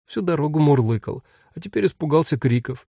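A man's voice: on the high side, lively intonation, brisk, gravelly, mellow, slightly rough, dry recording, studio quality, voice pushed up, full character voice. A man doing a chatty little girl. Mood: curious. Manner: chatty, curious. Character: young schoolgirl, eager younger sister.

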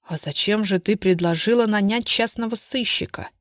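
A woman's voice: mid-range voice, moderate pace, no room sound, lightly acted. A weak-willed husband who is nervous and pleading, his voice shaken, as a woman reader puts him on. He sounds close and dry, as in a spoken storybook.

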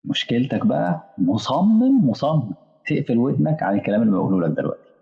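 A man's voice: medium pitch, big pitch swings, fast talker, creaky, big-room sound, lo-fi sound. A man with an Egyptian accent preaching a colloquial sermon, acting out back-and-forth dialogues with imagined listeners. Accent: Egyptian Arabic.

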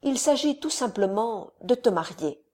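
A woman voicing a scheming older male count who speaks to his son in a measured, solemn, persuasive way. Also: a little high, expressive, mellow.

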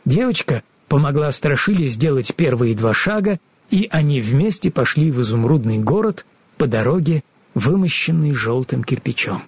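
A man narrating a children's fairy tale audiobook in an expressive storytelling manner. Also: mid-range voice, normal speed, husky, no room sound.

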